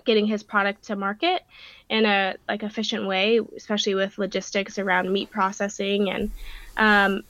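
Upbeat woman ranch owner, podcast guest, quick laughs, crisp bright tone, dull dry recording. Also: medium pitch, dry recording. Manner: laughs often, chatty and upbeat. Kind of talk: casual podcast interview.

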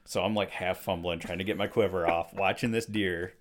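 A man from Michigan, co-host of the show, excitedly retelling a story in casual chat. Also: low voice, a little fast. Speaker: co-host telling a hunting story.

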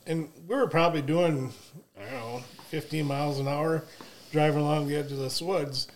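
Male podcast host, a touch high-pitched, loose rambling storyteller. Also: steady tone, moderate pace, slight background noise. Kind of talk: casual storytelling chat.

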